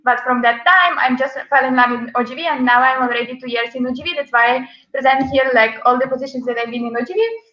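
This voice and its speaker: A woman's voice: sits high, quick pace. A young woman presenting a casual online webinar, chatty, with many fillers and frequent laughs. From Ukraine. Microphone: video call. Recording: echoey, dull video call audio.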